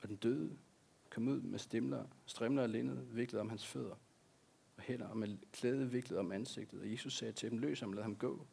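A man's voice: medium pitch, fairly even intonation, creaky, mellow, husky. A man, a pastor, preaching a sermon in an earnest way, repeating key words for emphasis.

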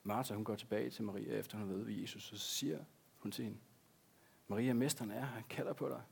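A man's voice: lowish voice, steady tone, creaky, breathy edge. A man, a pastor, preaching a sermon in an earnest way, repeating key words for emphasis.

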